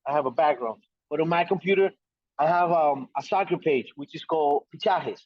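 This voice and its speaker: A man with an Ecuadorian Spanish accent talks about soccer over a video call. His voice sits a little high, and it comes through a dull, lo-fi line. The sound is dry and close, with no room around it. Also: fairly quick, no room sound. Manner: repeats words, friendly and self-assured. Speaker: soccer correspondent guest. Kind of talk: casual podcast chat.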